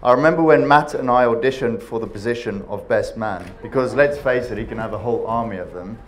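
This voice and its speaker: A man in his thirties with a South African accent and a medium-pitched voice gives a jokey best man speech, reading from notes into a handheld mic and pausing for laughs. He's indoors in a large wood-panelled banquet hall, with slight background noise.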